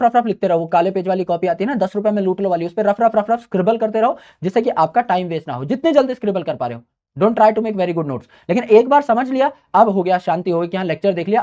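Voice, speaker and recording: A man's voice: sits high, a little mellow, highs cut off. A male coaching teacher giving casual, brotherly study advice to students, often checking in with them as he talks. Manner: chatty, brotherly, checks in with "right?". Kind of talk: casual mentoring talk to students.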